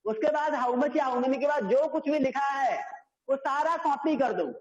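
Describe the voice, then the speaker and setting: Man, Indian accent, schoolteacher, very high voice, echoey lo-fi sound. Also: unhurried. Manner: strict, repeats phrases, mixes Hindi and English. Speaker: school maths teacher. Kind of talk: online class teaching. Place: classroom or home at a board. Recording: echoey, dull lo-fi online class audio.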